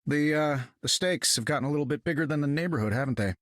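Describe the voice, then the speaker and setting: A man's voice: a little high, fast, dry recording, studio quality, natural voice. A man voicing a confident, wisecracking inventor superhero in a video game, wry and casual. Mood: wry, friendly. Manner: wry, casual, self-assured. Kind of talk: video game character acting.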